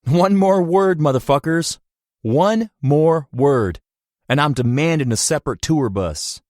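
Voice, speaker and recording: Brief: man reading a swaggering rock star, very low voice, dry close sound. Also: moderate pace, darkish tone, no echo, natural voice. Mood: angry.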